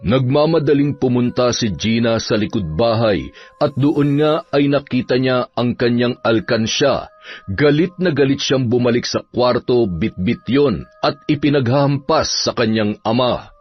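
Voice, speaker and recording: A man narrating a dramatic family story in a steady scripted reading. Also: mid-range voice, unhurried. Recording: dull audio, soft music behind.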